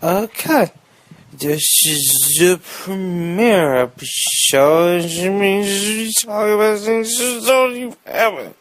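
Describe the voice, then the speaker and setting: Slow-talking young man joking through news. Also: high voice. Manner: rambling, jokey, fond of puns. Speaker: podcast host. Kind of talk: improvised comic news monologue.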